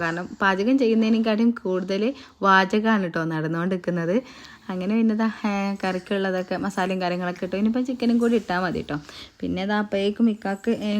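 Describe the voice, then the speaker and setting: A woman's voice: medium pitch, darkish tone. A young woman from Kerala, chatting through a casual voice-over of her day and tagging her sentences with a friendly "tto". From Wayanad, Kerala. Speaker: vlogger.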